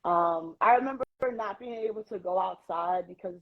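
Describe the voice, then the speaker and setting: A Queens, New York woman with a fairly low pitch talks at a moderate pace. She's a podcast guest in a reflective, casual chat, leaning on "um" and "you know" a lot. Her phone on a live social video stream yields lo-fi livestream audio.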